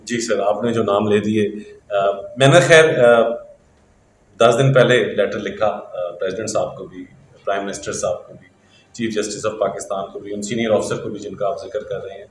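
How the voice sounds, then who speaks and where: A man's voice: lowish voice, steady tone, recorded from a distance, slight background noise. A middle-aged man and interview guest, speaking earnestly and respectfully, often addressing his host as sir. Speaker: interview guest, engineering teacher. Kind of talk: interview answers. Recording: echoey room.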